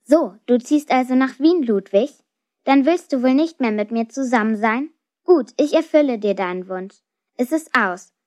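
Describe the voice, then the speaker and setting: A woman voicing a popular, quick-tempered teenage girl who talks in sharp, emotional bursts. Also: high-pitched, lively intonation, no echo. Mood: angry. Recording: dull lo-fi recording.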